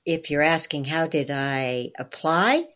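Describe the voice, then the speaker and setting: Older woman telling lively stories, low voice. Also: measured pace. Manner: enthusiastic, laughs often, acts out quoted dialogue. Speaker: interview guest, former tour guide. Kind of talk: anecdotal storytelling.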